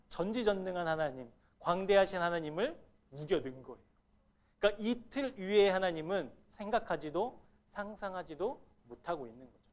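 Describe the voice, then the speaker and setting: Man preaching, fairly high voice. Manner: asks the congregation questions and acts out quoted lines. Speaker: pastor. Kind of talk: sermon. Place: church sanctuary.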